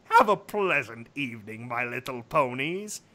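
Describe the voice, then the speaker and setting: A woman voicing a sly, suave male trickster creature with grandiose, drawn-out politeness in a story read aloud. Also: extremely low pitch, sing-song, bright, forceful tone, pitched below the performer's own voice, full character voice. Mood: wry, suave. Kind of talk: comic fan fiction read-aloud.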